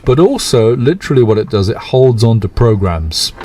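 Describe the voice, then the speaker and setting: A man, a hypnotherapist calmly explaining his work in a radio interview with everyday examples. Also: medium pitch, moderate pace. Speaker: hypnotherapist guest.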